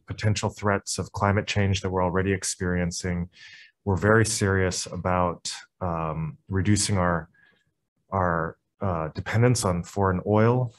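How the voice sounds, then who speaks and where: A man in his thirties questioning a nominee at a committee hearing in a polite, formal, deliberate way, speaking through a mask into a table mic. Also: low voice. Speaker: state senator. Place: government hearing room. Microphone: table microphone, wearing a face mask.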